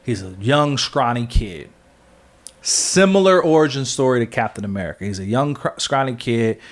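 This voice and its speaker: A man's voice: mid-range voice, animated, normal speed. A man on a podcast casually retelling a comic-book story, rambling with lots of fillers and correcting himself as he goes. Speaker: podcast co-host.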